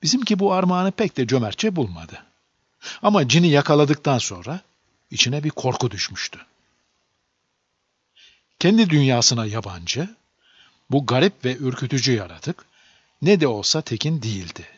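A man narrating a children's storybook aloud in a lively, expressive reading. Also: medium pitch, moderate pace, pauses often, slightly rough, dry recording. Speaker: audiobook narrator. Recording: dull lo-fi dry recording.

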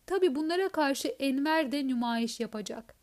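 A woman's voice: sits high, expressive, normal speed, darkish tone. A woman voicing an elderly retired army general who blusters and teases. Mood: blustering.

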